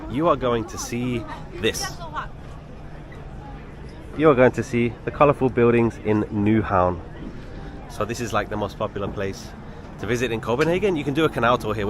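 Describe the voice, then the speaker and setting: Outdoors on a city street, against a noisy background, a man walks and talks casually to camera for his travel vlog. He speaks in a mid-range voice with a British accent that listeners frequently mistake for American.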